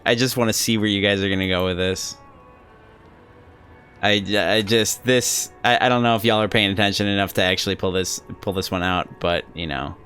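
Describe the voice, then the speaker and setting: A man chatting casually with his viewers during a live game stream, halting and talkative. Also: lowish voice, fairly even intonation, a bit bright, faint music behind.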